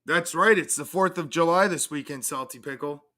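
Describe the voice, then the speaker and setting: A man's voice: on the high side, moderate pace, sharp tone. A man hosting a livestream, crudely and profanely mocking in a casual rant. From Canada. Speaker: livestream host.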